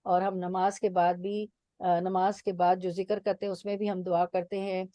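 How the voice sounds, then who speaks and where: A woman teaching a religious lesson, explaining slowly and repeating each word with its meaning. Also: on the low side, level tone, dark tone, no echo. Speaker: Quran teacher.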